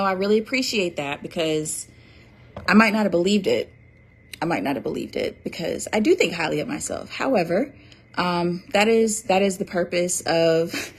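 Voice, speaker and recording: Woman, slightly low voice, casual livestream host, chatty with lots of fillers. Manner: chatty, reads viewer comments aloud, fillers and restarts. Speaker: livestream host selling an oracle deck.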